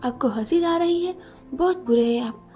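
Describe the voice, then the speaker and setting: A woman's voice: high voice, lively intonation, normal speed, darkish tone, faint music behind. A woman voicing a shy, sulky young wife in a narrated storybook romance, pouting and playful.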